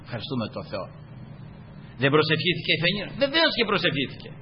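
A man's voice: a little high, wildly swooping pitch, a little hiss or hum. A man preaching a sermon emphatically, again and again calling out to the brothers. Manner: emphatic, constantly addresses the brothers. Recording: dull echoey hall recording.

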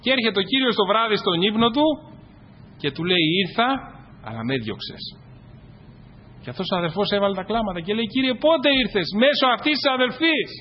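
A man preaching a sermon to his congregation, rising to loud exclamations and dropping to quiet asides. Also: high voice. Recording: dull, echoey hall with faint noise.

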